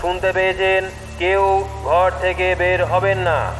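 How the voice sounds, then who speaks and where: A man playing a police announcer whose warning comes over a street loudspeaker, slow, formal and repetitive. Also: high voice, steady tone. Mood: stern, official. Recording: distant echoey loudspeaker with faint music.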